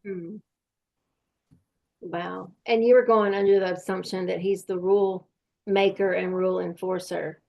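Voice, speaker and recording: A woman's voice: fairly low pitch, steady tone, unhurried, gravelly, pauses often, lo-fi sound. A woman hosting a faith podcast, speaking in a thoughtful, searching way. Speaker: podcast host. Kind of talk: faith-based conversation.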